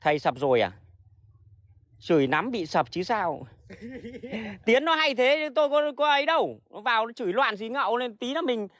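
A man's voice: extremely high pitch, expressive, moderate pace, pauses often, fairly bright tone. A man hosting a casual livestream, talking bluntly and rambling with restarts and frequent swearing. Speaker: livestream host selling plants.

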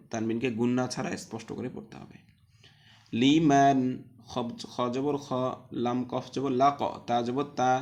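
Male tajweed teacher for an online class; patient, spells letters aloud and recites words slowly. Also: mid-range voice. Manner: explains step by step, asks and answers his own questions.

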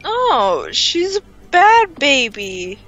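A woman talks slowly and unhurriedly as she plays, telling her character what to do next. Her voice has a bright, forward edge. The sound is a little dull, with faint music running underneath. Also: high-pitched, wildly swooping pitch. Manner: chatty, bossing her game character around. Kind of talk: casual gameplay chat.

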